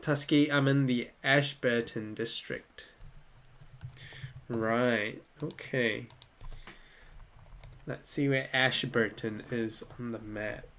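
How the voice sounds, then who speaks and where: A young man from Malaysia, hosting a casual livestream Q&A at his desk, relaxed and chatty, often laughing and thinking aloud. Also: medium pitch, takes it slowly, long pauses. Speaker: livestream host answering viewer questions. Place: small room indoors.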